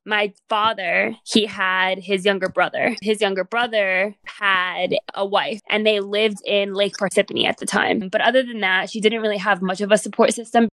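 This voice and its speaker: A woman's voice: medium pitch, a bit bright, no room sound. A young woman from Guatemala talking as an interview guest, reflective and earnest, with fillers and restarts. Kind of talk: casual interview talk.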